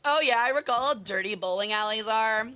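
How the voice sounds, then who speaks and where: A woman livestreaming in a cute anime-streamer manner, chatting with viewers in a bubbly, animated way and exclaiming her greetings. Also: fairly high pitch, a little fast. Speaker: VTuber streamer, host.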